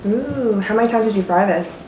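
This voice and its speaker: A woman tasting fried chicken and chatting casually, unhurried and quick to laugh. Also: mid-range voice, darkish tone. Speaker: guest tasting the food. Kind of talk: casual eating vlog chat. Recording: echoey kitchen with faint background noise.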